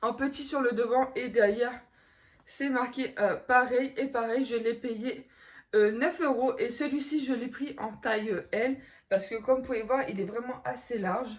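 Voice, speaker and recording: A woman's voice: fairly high pitch, normal speed. A woman chatting casually in a haul vlog, self-mocking, with many fillers. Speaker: fashion haul vlogger.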